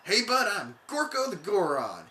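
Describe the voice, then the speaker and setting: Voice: medium pitch, huge pitch swings, unhurried, pushed and bright, reverberant, pitched above the performer's own voice, full character voice. Gorko, a player putting on a surfer-drawl rock creature. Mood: laid-back. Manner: laid-back surfer drawl with a hillbilly twang; calls the listener "bud". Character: excitable male rock creature who talks like a surfer.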